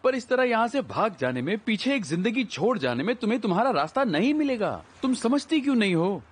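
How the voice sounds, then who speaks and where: A man's voice: high voice, sing-song, brisk, breathy edge, exaggerated voice. An actor dubbing a lovesick, bookish young man who pleads earnestly with the woman he loves in drama dialogue. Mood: persuading. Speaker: dubbed drama lead.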